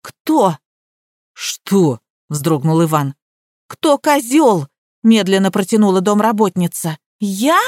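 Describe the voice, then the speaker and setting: A woman's voice: medium pitch, unhurried, dry recording, clean studio sound, close to an everyday voice. A woman reader voicing a touchy young housekeeper who snaps when offended. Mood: suspicious. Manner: sharp, snapping.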